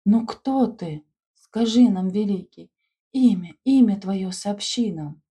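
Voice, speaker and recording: A woman's voice: fairly low pitch, moderate pace, mellow, breathy edge. A woman voicing a fervent, commanding schoolgirl who leads a séance and addresses the spirit. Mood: ecstatic. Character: exalted schoolgirl leading a séance.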